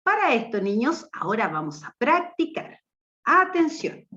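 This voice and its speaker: A woman teacher guides young children through a phonics lesson, slow and deliberate, with her pitch swinging up to cue and praise them. The recording sounds dull and lo-fi. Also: very animated, pushed and bright. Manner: slow, emphatic, rises for praise and cues.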